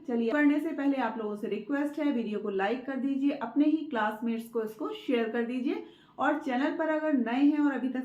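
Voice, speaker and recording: A woman hosting her channel and teaching spelling, patiently saying each word again and asking and answering her own questions. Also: fairly high pitch. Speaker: Hindi teacher and channel host. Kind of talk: spelling lesson to camera. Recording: roomy, distant, dull sound.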